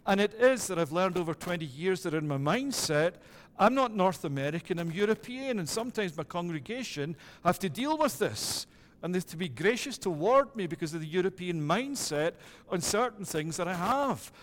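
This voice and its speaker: Long echoes roll off the sanctuary walls as a middle-aged Scottish minister delivers his sermon, fairly high-voiced and deliberate. He keeps to steady, patterned phrasing, returning again and again to "it is that."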